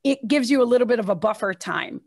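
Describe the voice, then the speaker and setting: A woman's voice: fairly high pitch, animated, quick pace, vocal fry, darkish tone. A woman executive fields the last questions of an online presentation, friendly and businesslike, her sentences dotted with small fillers. She speaks from a room shared with a production team. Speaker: agency executive presenting a webinar. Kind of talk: casual presentation Q&A.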